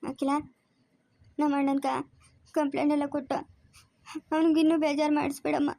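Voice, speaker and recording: Woman playing a pleading granny, cartoon, fast and flat, dry mic. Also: sits high, no room sound, close to an everyday voice. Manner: begging, tearful pleading. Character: pleading older village woman, soft-hearted grandmother.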